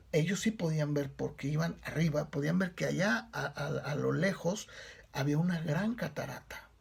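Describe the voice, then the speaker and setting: Gravelly pastor telling a parable. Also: male voice, on the high side. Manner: conversational, many fillers and tag questions. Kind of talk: sermon with storytelling.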